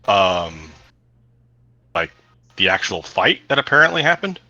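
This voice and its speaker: Bright, lively man playing tabletop games. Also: deep voice, a little slow, no echo, highs cut off. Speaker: tabletop game player. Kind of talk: casual in-game questioning.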